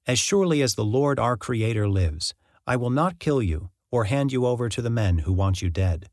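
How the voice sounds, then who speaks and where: A man voicing a frightened old king, uneasy and secretive, pleading in hushed tones. The recording is dry and close, with a plain middle pitch. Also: animated, moderate pace, no room sound, natural voice.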